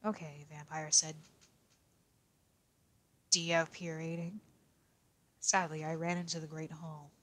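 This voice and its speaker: A woman voicing a quiet young male detective as he reads a fanfic aloud in character, tripping now and then over odd words. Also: low voice, flat delivery, slow, pauses often, full character voice. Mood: deadpan reading.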